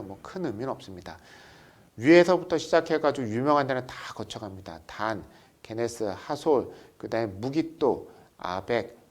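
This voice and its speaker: A middle-aged man teaching a recorded Bible study lecture, asking his listeners questions and reading scripture aloud. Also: medium pitch. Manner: lively teaching, asks the class questions, reads scripture aloud.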